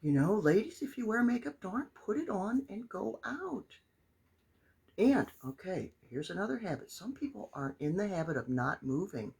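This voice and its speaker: A woman's voice: mid-range voice, very animated, normal speed, vocal fry, darkish tone, husky. An older woman chatting casually on a live stream as a motivational coach, exclaiming and greeting her viewers by name.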